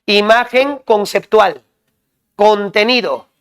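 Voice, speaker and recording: A male teacher drilling students with quick questions and repeated call-and-response prompts. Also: sits high, a bit bright. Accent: Peruvian Spanish. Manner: quizzing, repetitive call-and-response.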